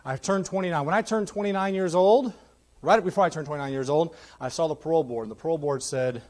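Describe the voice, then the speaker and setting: In a church sanctuary, a man in his thirties delivers a candid, joking testimony sermon as a guest preacher. His voice is a little high and fast, and his storytelling is animated and jokey.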